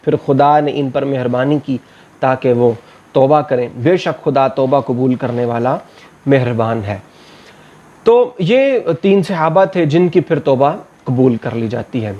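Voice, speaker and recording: A male scholar gives a religious lecture, reciting verses in a slow measured chant and then explaining them plainly. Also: mid-range voice, animated, mellow, lo-fi sound. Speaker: Islamic scholar. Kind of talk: religious lecture summarizing scripture.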